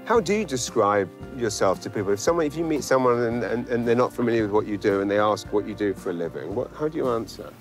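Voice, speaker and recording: Energetic English man hosting an interview. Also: lowish voice, faint music behind. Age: 40s. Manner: lively, enthusiastic, quick to affirm. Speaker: host and interviewer. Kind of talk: interview conversation. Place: outdoors in a large garden.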